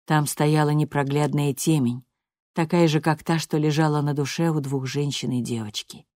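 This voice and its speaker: A woman narrating an audiobook in a measured, expressive reading. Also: deep voice, no echo, studio quality. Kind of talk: scripted narration.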